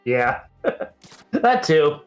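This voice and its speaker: A man's voice: a little high, sing-song, extremely slow, faint music behind. A man in a casual stream chat, teasing his friends and laughing easily.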